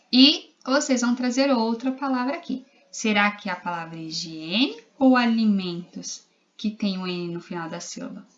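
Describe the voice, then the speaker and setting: Slow, patient Brazilian teacher woman. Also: medium pitch, vocal fry, a bit bright, dull audio. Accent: Brazilian Portuguese. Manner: slow, patient, spells out letters and syllables. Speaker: primary school teacher. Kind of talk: recorded literacy lesson for young children.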